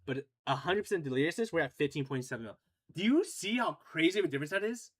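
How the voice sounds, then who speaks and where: Male game streamer, fairly high-pitched, cursing and venting between casual play talk. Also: animated, fast talker. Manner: profane, frustrated ranting. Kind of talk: live game stream commentary.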